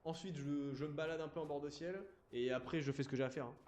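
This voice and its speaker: A man's voice: on the high side, steady tone, fast, a little mellow, roomy sound, muffled recording. A man live-streaming a game, chatting casually and apologizing to his viewers while leaning close to a desk mic in an empty room.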